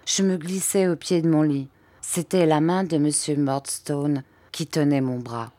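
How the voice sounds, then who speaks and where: A woman narrating a classic novel in a steady, expressive reading voice. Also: deep voice, measured pace, no room sound. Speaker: audiobook reader. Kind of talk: scripted narration.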